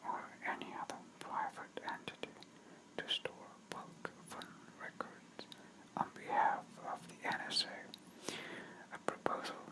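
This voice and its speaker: Slow whispered news reading. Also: low-quality recording. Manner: whispers throughout, unvoiced and breathy. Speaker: reader.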